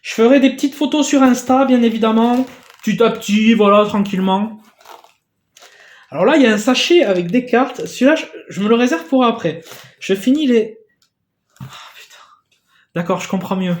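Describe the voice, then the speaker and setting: A man in a casual unboxing vlog who gets excitable, swears casually and thanks the sender again and again. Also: extremely high pitch, a little fast, roomy sound. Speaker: YouTuber opening a gift parcel.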